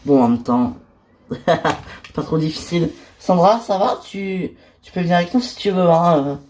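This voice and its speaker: A single performer carries a whole cast in an amateur toy-figure series. The voice sits at a middle pitch, hopping up and down between characters in loose, filler-heavy everyday dialogue. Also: measured pace, a little mellow.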